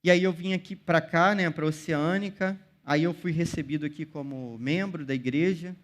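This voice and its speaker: Young brazilian guy preaching to teens, high voice, super casual slangy talk. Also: moderate pace. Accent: Brazilian Portuguese. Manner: casual slang-filled preaching, calls listeners "cara". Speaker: youth pastor. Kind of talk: youth sermon.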